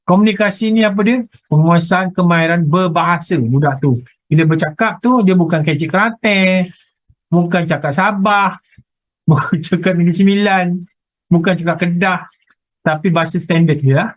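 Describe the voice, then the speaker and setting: A man's voice: high voice, normal speed, dry recording, rough recording. A middle-aged man with a Malaysian Malay accent giving an online university lecture, teasing and quizzing his students as he goes. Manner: teasing, lively, asks students questions. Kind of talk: online lecture with class banter.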